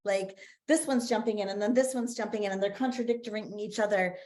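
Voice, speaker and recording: A woman's voice: medium pitch, fairly even intonation, a little fast, a little mellow. A woman facilitating an online writing workshop on a video call, enthusiastic and laughing often.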